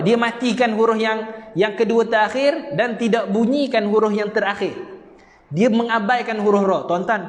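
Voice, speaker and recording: A man's voice: high-pitched, in a large hall. A man with a Malaysian Malay accent teaching Quran recitation online, repeating each point earnestly and chanting the verses as examples. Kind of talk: online Quran reading lesson.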